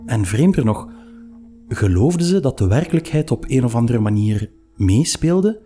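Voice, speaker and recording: Warm-voiced male storyteller. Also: medium pitch, measured pace, faint music behind. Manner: calm, even storytelling. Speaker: narrator. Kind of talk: scripted storybook narration.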